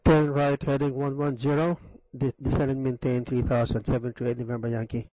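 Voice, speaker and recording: Mellow male pilot on cockpit headset radio. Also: mid-range voice, flat delivery, brisk, lo-fi sound. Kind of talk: clipped aviation radio readbacks.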